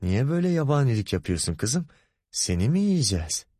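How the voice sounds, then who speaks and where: Playing a pompous, lecherous middle-aged boss for an audiobook, a man shifts between wheedling, grumbling, and barking orders. He pushes his warm, mid-range voice upward, with big pitch swings and a fairly quick pace, recorded in a clean studio with no room sound.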